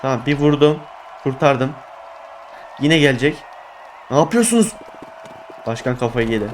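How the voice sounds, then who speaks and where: A young man giving excitable let's play commentary, exclaiming and groaning at his failures. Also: medium pitch, normal speed, slight background noise. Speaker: gaming YouTuber.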